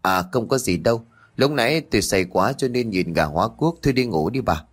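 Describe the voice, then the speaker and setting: A man's voice: fairly low pitch, expressive, a little fast, husky. A man voicing a frightened, blustering middle-aged husband who stammers in a fluster.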